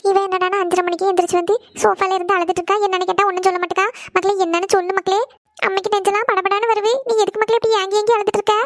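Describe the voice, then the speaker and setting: A woman's voice: very high-pitched, level tone, no room sound, clean studio sound. Woman doing a fussing cartoon mother. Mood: worried. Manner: scolding, rapid, fussing. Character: scolding worried middle-aged village mother. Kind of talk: cartoon voice acting.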